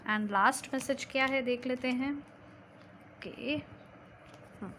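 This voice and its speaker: Woman, tarot reader, reassuring and chatty, slightly higher voice, faint hiss behind. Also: slow pace, fairly bright tone. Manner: reassuring, mixes Hindi and English, frequent "theek hai?". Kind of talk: tarot reading to camera.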